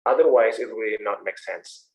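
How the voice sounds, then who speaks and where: This is an English instructor with an Indonesian accent, answering students' questions and encouraging them during an online class. His voice is fairly low and his pace moderate. The sound comes through an online video call and is rough.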